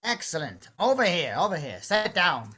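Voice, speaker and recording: An actor playing a suspicious, self-pitying old evil scientist in a script read-through, imperious and guilt-tripping. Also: male voice, high-pitched, very animated, normal speed, bright, forceful tone, slightly rough, full character voice. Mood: impatient, suspicious. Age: older.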